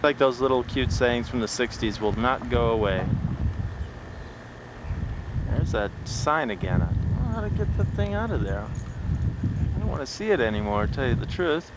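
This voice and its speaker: A man's voice: mid-range voice, lively intonation, normal speed, pauses often. Guy rambling behind his camcorder outside, old vhs tape sound, heavy hiss, wind and cars behind him. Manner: rambling and wry, with self-mocking asides. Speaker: home video narrator filming his town. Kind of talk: casual off-the-cuff camcorder narration. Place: outdoors around town streets and a riverside. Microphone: built-in camcorder microphone.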